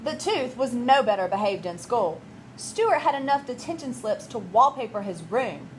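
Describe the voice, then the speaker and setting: A woman teacher narrating a children's story aloud in an expressive, playful way. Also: on the high side, moderate pace, slight background noise, rough recording.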